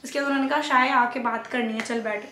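A young woman casually telling her love story as a vlogger, animated, slipping English phrases into her talk and acting out family members' lines. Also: on the high side, fast, a little hiss or hum. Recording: echoey room.

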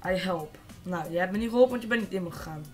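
A teenage boy from the Netherlands giving casual, excitable let's-play commentary, swearing and shouting at opponents. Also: high voice, quick pace, faint music behind. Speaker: gaming YouTuber.

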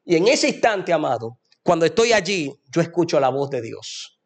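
A man's voice: fairly high pitch, big pitch swings, moderate pace, slightly rough. A young man telling a fervent religious testimony in a preachy way. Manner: preachy, fervent, addresses listener as "amado". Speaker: guest giving a testimony.

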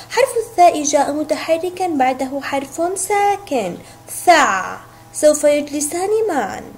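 A woman teaching a phonics lesson to young children, speaking slowly and clearly and repeating each sound and word. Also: sits high, warm tone. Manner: drawn-out repetition of sounds and words. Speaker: kindergarten teacher.

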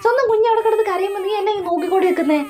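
A woman acting as a nagging middle-aged mother in a comic family skit, scolding with rapid questions. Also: very high voice, darkish tone, a little hiss or hum. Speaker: mother of a new mother.

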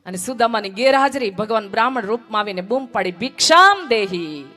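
A fairly high-voiced woman tells a sacred story to a village gathering, rising into bold repeated phrases and sinking to hushed tones. Soft instrumental music plays behind her. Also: fast talker. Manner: dramatic, repetitive emphasis, voice swells and drops. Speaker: storyteller at a religious recital. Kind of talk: devotional story narration with acted dialogue.

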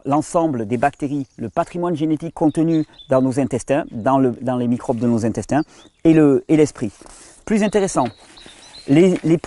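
A French-speaking man hosting a health channel, explaining at length in a casual tone to the viewer, with frequent restarts and study titles read in halting English. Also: fairly high pitch, dark tone, no room sound. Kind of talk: explanatory monologue.

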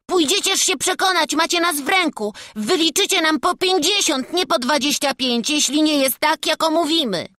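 A woman's voice: high voice, bright, forceful tone, no echo, clean studio sound. A bold peasant boy. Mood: pleading. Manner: bold, pleading, quick to protest. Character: brave cheeky peasant boy apprentice. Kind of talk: audiobook character voice.

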